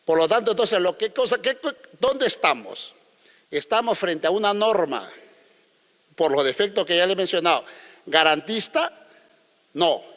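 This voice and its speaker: A man's voice: high voice, expressive, a little slow, pauses often, a bit bright, long reverb tail. A man, a lawyer giving a conference talk, combative and full of rhetorical questions. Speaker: lawyer speaking at a legal conference.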